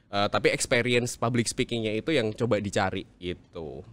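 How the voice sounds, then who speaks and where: A man talking as the guest in a casual interview on public speaking, animated and swinging his pitch widely for emphasis. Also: moderate pace.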